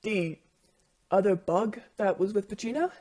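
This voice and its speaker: A woman voicing a gentle young man who speaks quietly and hesitantly in an amateur audio drama. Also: mid-range voice, unhurried, a little hiss or hum, lightly acted. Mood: soft, hesitant. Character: soft-spoken gentle young man survivor.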